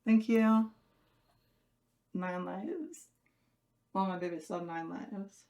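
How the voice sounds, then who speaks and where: A young woman streaming from home, talking casually and rambling to her chat as she works at something. Her voice has a gravelly fry running through it, at a middle pitch for a woman. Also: fairly even intonation, normal speed, darkish tone, lo-fi sound. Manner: rambling, chatty, talking to viewers while fiddling.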